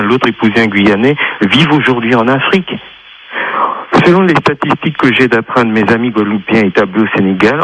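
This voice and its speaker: A man's voice: medium pitch, a bit bright, a little hiss or hum, poor audio. Impassioned man calling in to radio. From France. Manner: impassioned, insistent, repeats himself for emphasis. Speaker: radio caller. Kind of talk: radio call-in talk.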